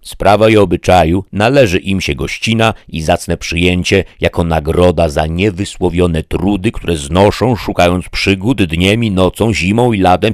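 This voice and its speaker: A man's voice: deep voice, no echo, clean studio sound. A man voicing a pompous, deluded old knight who speaks in a grandiloquent, declamatory way.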